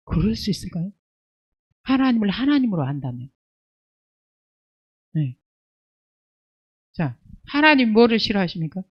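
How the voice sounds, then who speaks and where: A woman pastor preaching a sermon, asking rhetorical questions and answering them, scolding and rising to near-shouts on key points. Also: mid-range voice, lo-fi sound. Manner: emphatic preaching with rhetorical questions and call-and-response "예".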